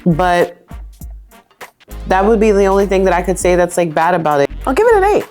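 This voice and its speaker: A woman's voice: lowish voice, expressive, a little fast, darkish tone, faint music behind. A woman, chatting descriptively with many fillers as a cooking contestant. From Massachusetts. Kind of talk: casual food-tasting chat.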